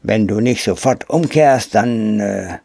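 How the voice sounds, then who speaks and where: A man voicing a hoarse, bossy male monkey chief in war paint who barks orders in a storybook reading. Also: on the low side, slow pace, a little mellow, heavily acted. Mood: commanding. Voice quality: hoarse, hissing. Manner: barking commands.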